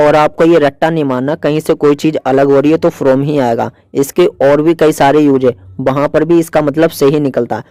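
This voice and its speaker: English grammar teacher, man, slightly high mellow voice, dry close recording, patient. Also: no room sound, low-quality recording. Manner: explains patiently, repeating example sentences slowly. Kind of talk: Hindi grammar lesson with English examples.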